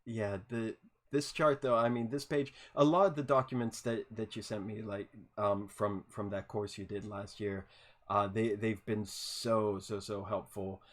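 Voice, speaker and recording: The podcast host here is a man with a fairly low voice, little pitch movement and a slightly slow pace. Interviewing someone casually on a video call, he sounds eager and keeps stammering over repeated words.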